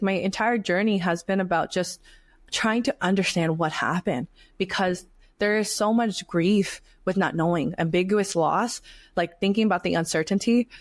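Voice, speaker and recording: A woman's voice: medium pitch, no echo. Earnest, reflective woman in a dry recording. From North Carolina, USA. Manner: reflective, earnest, many fillers like "like" and "you know". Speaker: podcast guest. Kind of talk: casual conversational interview.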